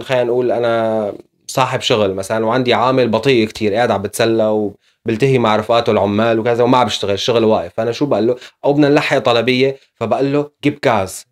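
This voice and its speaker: A man's voice: medium pitch, very fast. A man teaching German in a casual video lesson, explaining step by step with frequent fillers.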